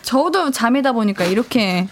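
Female radio host, high voice, lively intonation, casual chat and advice. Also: moderate pace, a little hiss or hum.

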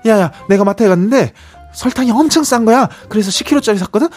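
A man's voice: high voice, expressive, quick pace, a little mellow, faint music behind. A man voicing a bossy, pushy middle-aged older sister in a radio comedy skit, ordering her sibling around in a brusque way.

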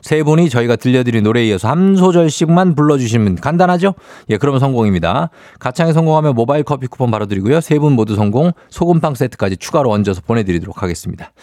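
A man's voice: medium pitch, animated, fast talker, few pauses, dark tone, no room sound, clean studio sound. A man hosting a morning radio show, reading out quizzes and giveaways in an upbeat, punchy announcer's delivery. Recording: music bed behind the voice. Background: music.

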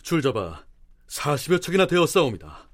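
A man's voice: a little high, big pitch swings, normal speed. An actor playing an earnest naval scout giving a report to his admiral in a historical radio drama. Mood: urgent, respectful.

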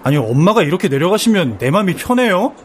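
A man's voice: high voice, big pitch swings, fast talker, noisy background. An actor playing an easygoing middle-aged son-in-law who jokes and soothes his angry mother. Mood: placating. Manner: jokey, placating, laughing. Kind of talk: TV or radio drama acting.

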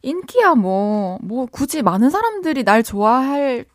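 A woman hosts a casual radio chat in a dry, close studio sound. Her voice is a touch high and very lively, bouncing up and down as she reacts and reads listener letters. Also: unhurried, dry recording. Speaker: radio host.

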